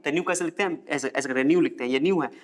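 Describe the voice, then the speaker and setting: A man's voice: fairly high pitch, very fast. A male teacher from India giving a chatty classroom lecture, repeating terms and joking as he writes on the board.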